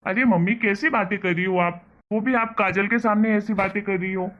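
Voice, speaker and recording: A man's voice: sits high, fairly even intonation, fairly quick, muffled recording, lightly acted. A man voicing an earnest young husband. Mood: pleading. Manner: earnest, persuasive. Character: kind young husband, soon a father, patient son.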